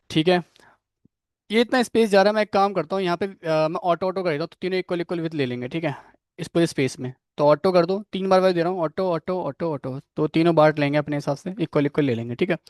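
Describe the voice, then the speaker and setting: High-voiced man teaching a coding class. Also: a little mellow, no room sound, studio quality. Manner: explains step by step, keeps checking with "theek hai"; quizzes students by name. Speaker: coding instructor. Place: classroom with students present.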